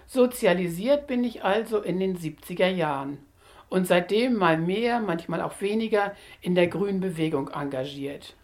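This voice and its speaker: Lower-voiced woman in her sixties. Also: normal speed, a little mellow. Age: 60s. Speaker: interviewee. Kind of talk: prepared self-introduction.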